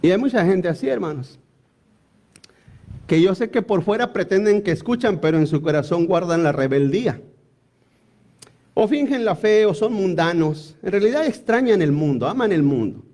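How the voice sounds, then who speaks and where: A man's voice: high voice, lively intonation, normal speed, warm tone. A male preacher delivering a sermon, often calling his listeners brothers and breaking off into asides and restarts.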